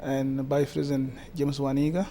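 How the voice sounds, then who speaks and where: A man with a South Sudanese accent answers interview questions in a halting way, pausing often. His voice sits fairly high and stays flat, with a gravelly, mellow edge. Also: a little hiss or hum. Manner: halting, many hesitations. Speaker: guest, community association president.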